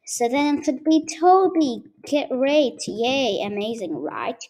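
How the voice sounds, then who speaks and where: A woman's voice: sits high, big pitch swings, takes it slowly, a little mellow, low-quality recording. A woman chatting casually while playing a game, rambling with many fillers and teasing her viewers. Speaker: gaming YouTuber. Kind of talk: casual gameplay commentary.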